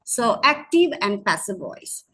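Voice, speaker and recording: Woman, online English tutor, patient step-by-step explaining with self-corrections, slightly husky voice. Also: mid-range voice, very animated, a little slow, fairly bright tone, rough recording. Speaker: English teacher. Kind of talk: online grammar lesson. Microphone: screen-share online session.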